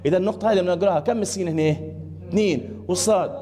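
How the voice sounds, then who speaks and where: A man's voice: high voice, very fast, dark tone, long reverb tail. A man with a Libyan Arabic accent teaching a math lesson, asking students questions and repeating their answers. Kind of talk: classroom lesson.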